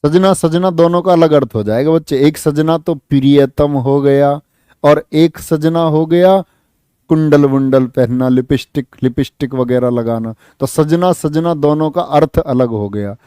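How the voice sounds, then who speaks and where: Lively male Hindi exam-prep teacher. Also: mid-range voice, clear, resonant tone, no room sound. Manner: lively, repeats questions to students and answers them. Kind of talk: online exam-prep lesson.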